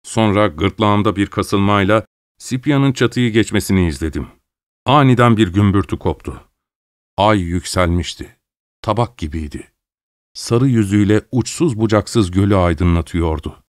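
A man reading an audiobook in a measured, dramatic storytelling manner. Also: lowish voice, no echo, studio quality. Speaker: audiobook narrator. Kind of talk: scripted audiobook narration.

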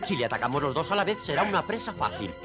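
A man's voice: a little high, sing-song, racing, over music. An actor voicing a cowardly, fawning male servant henchman in a dubbed cartoon, pleading and servile.

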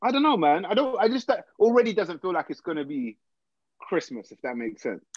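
Animated man with a London roadman accent. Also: high-pitched, fairly quick, dry recording. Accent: London, urban street slang. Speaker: podcast co-host. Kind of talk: casual banter with street slang. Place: home, on a group video call. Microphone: video call. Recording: dull, lo-fi video call audio.

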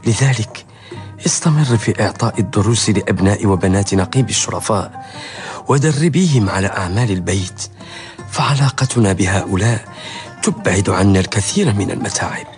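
Casting: loving, sensible husband, lowish pitch, measured period radio style, faint music. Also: male voice, animated. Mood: earnest. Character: prudent, loving husband, gently counselling. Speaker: actor in a historical radio serial. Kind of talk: radio drama acting in formal Arabic.

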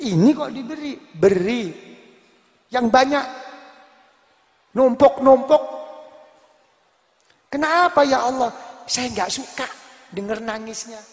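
High-voiced slow Javanese-accented preacher. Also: male voice. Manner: drawn-out, emphatic, repeats words, asks the audience questions. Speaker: Islamic preacher. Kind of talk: sermon to a congregation. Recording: long reverb of a large hall.

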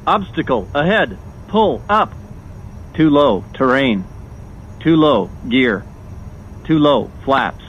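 Slow, swooping male cockpit warning voice. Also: medium pitch, sing-song. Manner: terse, urgent commands. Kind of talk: automated cockpit warning callouts. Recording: muffled lo-fi alert with faint noise.

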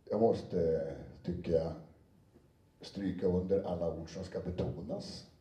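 An audiobook narrator gives an anecdotal talk to an audience in a lecture room, chatty and conversational with many fillers and restarts, briefly acting out quotes. His voice is low and mellow, and the distant mic gives a roomy sound.

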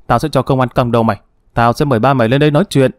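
A man voicing a harsh, scolding middle-aged mother who snaps out her words quickly. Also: medium pitch, fairly even intonation, clear, resonant tone, no room sound, studio quality, natural voice. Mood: threatening. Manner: sharp, rapid scolding.

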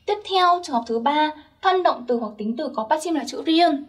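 A woman's voice: sits high, animated, normal speed, far from the mic. A young woman teaching Korean grammar step by step, patiently checking that her listeners follow. Her first language is Vietnamese.

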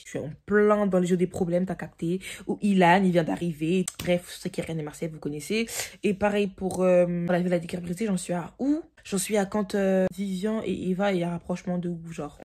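Chatty young woman, husky voice. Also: lowish voice, darkish tone. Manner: chatty, rambling, heavy filler words. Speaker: vlogger. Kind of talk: casual chat to camera. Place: at home, late at night. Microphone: phone camera.

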